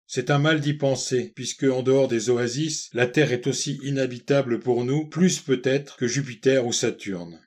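A weary, shrug-of-the-shoulders fatalist from a storybook, talking in a matter-of-fact way, read by a male narrator. His voice stays at an ordinary male pitch. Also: normal speed, hardly any pauses, a little mellow, lightly acted. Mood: resigned. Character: resigned man who savors the passing moment.

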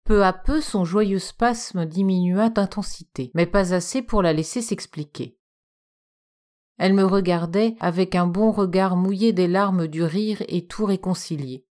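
Woman reading a literary story aloud. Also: on the low side. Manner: measured, expressive storytelling. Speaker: narrator.

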